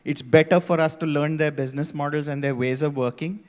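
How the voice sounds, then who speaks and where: A man's voice: fairly high pitch, steady tone, a little fast. A man on a conference panel sharing views thoughtfully, often restarting his sentences. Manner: thoughtful, hesitant starts. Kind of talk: panel discussion. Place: conference hall. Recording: long reverb of a hall.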